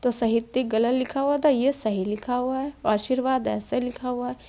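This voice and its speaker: Woman teacher, exam-prep spelling lesson, steady and explanatory, higher pitch, soft warm tone. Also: normal speed. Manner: steady explaining tone, mixes English quiz terms. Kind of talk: spelling quiz walkthrough lesson.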